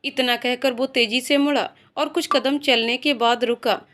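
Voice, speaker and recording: A woman's voice: high-pitched, fairly even intonation, moderate pace, fairly bright tone. A woman reading an emotional story aloud as narrator, voicing every character in her own voice.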